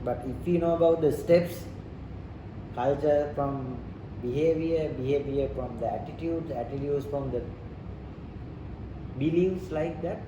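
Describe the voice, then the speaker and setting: A Sri Lankan-accented man, not a native English speaker, gives an informal explanatory talk on leadership and culture, moving step by step in simple English and circling back to his phrases. He speaks a little slowly, pausing often, in a slightly high male voice. The sound comes from a distant mic in a roomy space with clear background noise.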